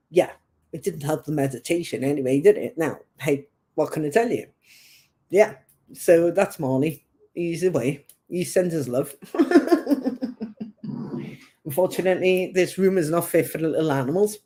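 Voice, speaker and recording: A woman's voice: low voice, darkish tone. Chatty northern English woman streaming live. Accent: northern English with a touch of Geordie. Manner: chatty and rambling, laughs often. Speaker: psychic medium hosting a live stream. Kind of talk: casual live-stream chat.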